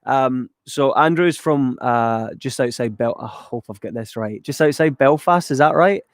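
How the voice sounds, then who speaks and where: This mid-range male voice belongs to a YouTuber from west of Glasgow, Scotland, who reads out viewer chat questions and answers them in a rambling way, full of ums and casual swearing. He speaks at a moderate pace, and the studio-quality recording is dry.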